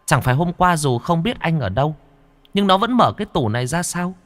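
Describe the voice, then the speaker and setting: A hushed, cautioning spirit from a horror audiobook, played by a man, speaking higher than his own voice. It keeps a calm, watchful tone, and the sound is dry and close. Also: a little fast, no echo. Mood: hushed warning.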